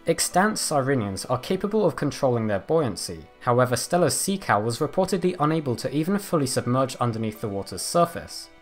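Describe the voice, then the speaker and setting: Guy doing nature documentary voiceover, lively up and down pitch, measured and explanatory, music behind him. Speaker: narrator. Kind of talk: scripted nature documentary narration. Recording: voice over background music.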